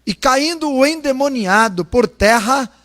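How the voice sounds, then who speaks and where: Male Brazilian pastor, high voice, solemn and measured, scripture and prayer. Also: lively intonation, a bit bright. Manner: solemn, measured reading that slows and swells on pleas. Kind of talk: sermon with scripture reading and prayer.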